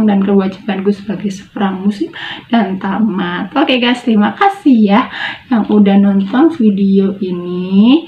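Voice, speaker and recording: A woman's voice: medium pitch, slight background noise. A woman reading her own short story aloud with feeling, then signing off in a casual chatty way. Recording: tinny, phone-like, echoey room.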